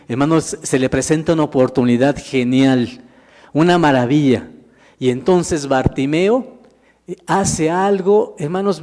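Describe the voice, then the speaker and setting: A man's voice: on the high side, a little mellow, in a large hall. A male minister preaching a sermon, often asking the congregation questions and answering them himself. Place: church hall.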